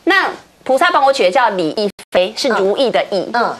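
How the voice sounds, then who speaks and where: A woman, a talk show guest telling a story in a lively way, acting out other people's lines. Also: mid-range voice, brisk. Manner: lively, acts out others' lines, laughs often. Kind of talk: animated storytelling.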